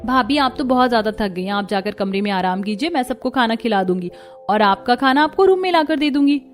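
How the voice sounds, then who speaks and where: A woman's voice: fairly high pitch, a little fast, soft background music, lightly acted. A woman voicing a cheerful, caring young sister-in-law in a cartoon. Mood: kind. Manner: lively, caring.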